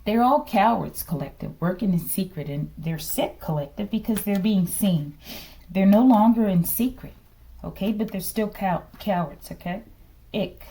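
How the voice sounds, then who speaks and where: A woman's voice: mid-range voice, expressive, normal speed, dark tone. A woman giving a casual tarot reading, speaking bluntly and dramatically and checking in with her listeners. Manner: emphatic, keeps checking in with listeners. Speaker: tarot reader.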